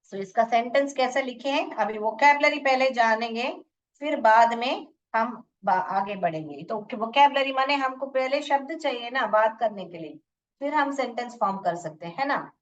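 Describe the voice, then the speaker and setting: A woman teaching English in a lesson, repeating words slowly to drill pronunciation. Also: on the high side, distant mic, muffled recording. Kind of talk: bilingual classroom lesson. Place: room with a board.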